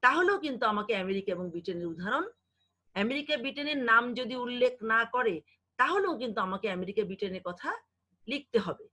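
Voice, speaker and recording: Woman lecturer from Bangladesh, middle-aged, bright and slightly high voice, teaching by repeating key terms slowly and posing questions she answers herself. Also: animated. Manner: repeats key words with slow, deliberate emphasis; asks the class questions and answers them herself. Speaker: college lecturer. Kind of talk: recorded online lecture.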